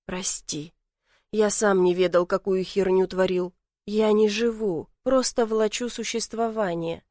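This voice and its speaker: A woman's voice: mid-range voice, fairly even intonation, measured pace, mellow, dry recording, studio quality, natural voice. A woman voicing a remorseful man in his forties who pleads emotionally with his lover, read as an audiobook character. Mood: tender pleading.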